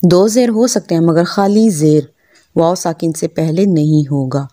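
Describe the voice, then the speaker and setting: A woman's voice: on the low side, unhurried, warm tone, dry recording. A woman Quran teacher giving a patient, step-by-step pronunciation lesson, stretching out each practice word with careful articulation.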